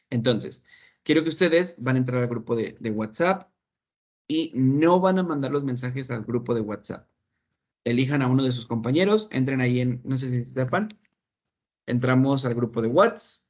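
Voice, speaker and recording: A male English teacher leads an online class. He is patient and keeps checking that everyone understands. His voice sits mid-range and comes through a slightly dull, lo-fi call line. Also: medium pitch. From Mexico. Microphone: video call.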